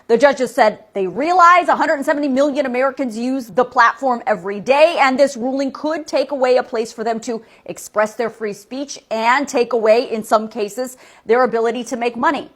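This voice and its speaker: Brief: female news reporter, brisk formal delivery, slightly high voice.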